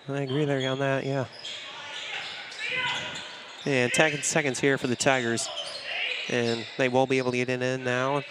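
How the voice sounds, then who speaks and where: A man calling live basketball play-by-play in a brisk, steady way, leaning on "it's gonna be" over and over. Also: mid-range voice. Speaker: play-by-play announcer. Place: school gymnasium during a game. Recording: loud gym noise with bouncing balls.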